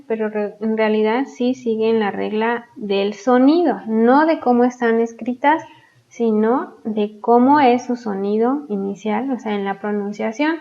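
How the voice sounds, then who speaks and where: A woman teaching English grammar, explaining patiently and pronouncing example words slowly and clearly. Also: on the high side, darkish tone. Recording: dull lo-fi sound.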